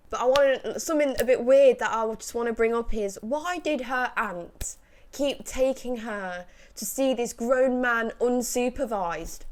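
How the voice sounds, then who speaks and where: A young woman giving emotional reaction commentary, upset and swearing often as she rants. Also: a little high. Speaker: YouTube commentator.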